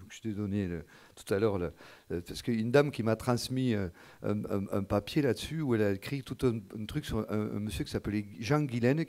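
A man's voice: medium pitch, mellow. A man who is the guest in a live stage conversation, answering in a hesitant way with many false starts. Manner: hesitant, halting, lots of fillers and false starts. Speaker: guest musician. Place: auditorium.

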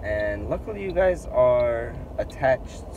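Speaking slowly but in a very animated way, a young man with a medium-pitched voice vlogs to a camera or phone at arm's length amid background noise. He starts in a parked car and ends up in a small store fitting room, rambling loosely in slang and saying "like" constantly.

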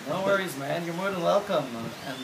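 A middle-aged man from Guyana, an aid organization worker, talking in a casual interview in a measured way with frequent "um" fillers, recorded by a nearby camera on an outdoor veranda. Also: high-pitched, creaky. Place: covered veranda outdoors, overlooking a field. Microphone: camera at close range. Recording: roomy echo, faint background hiss.

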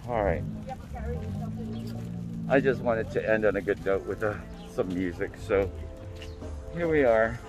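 Filming on his phone as he wanders an outdoor flea market, a man from Guam talks casually to viewers, whom he calls "peeps," amusing himself along the way. His fairly low voice is expressive and measured, with long pauses, over loud background music.

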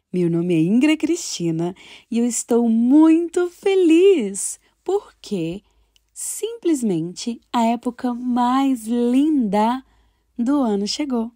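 A woman presents a children's podcast with a bubbly, exaggerated delivery. Her pitch is fairly high and swings widely, and she takes her time, with music behind her. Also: warm tone, no echo, clean studio sound. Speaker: children's story podcast host.

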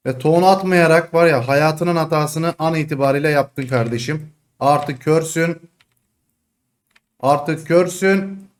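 Excitable young gamer man, taunting and shouting. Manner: excitable, shouts and taunts opponents, then drops to low mutters. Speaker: gaming streamer. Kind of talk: live gameplay commentary.

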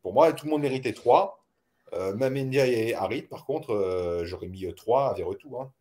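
A man discussing football ratings in a casual supporters' chat, measured and hedging. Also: medium pitch, animated, warm tone.

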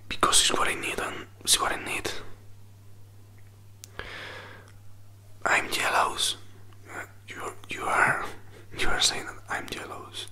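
A man in his twenties in a whispered role-play, playing a hurt, jealous boyfriend who pleads haltingly in breathy, non-native English, close to the microphone. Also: sharp tone. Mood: jealous, insistent. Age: 20s. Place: small indoor room. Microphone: close desk microphone with furry windscreen.

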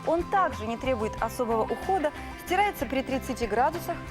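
High-voiced woman giving an infomercial sales pitch. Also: lively intonation. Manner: gushing, drawn-out emphasis on sensual adjectives. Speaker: TV shopping presenter. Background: background music.

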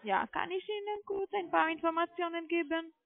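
Speaking in a very high voice with vocal fry, a woman whose native language isn't German works through a scripted cold-call pitch. Her accented German is halting and non-native, she questions the customer insistently, and the audio is a tinny narrowband phone line with no room sound.

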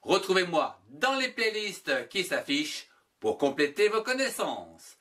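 A man's voice: high voice, very animated, a little slow, sharp tone. A man teaching a French writing lesson for young children, spelling words out letter by letter and syllable by syllable.

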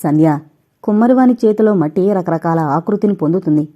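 A woman's voice: on the low side, lively intonation, a little fast, dark tone. A woman voicing a caring older brother who gives sorrowful advice, in an audio novel. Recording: dull lo-fi recording.

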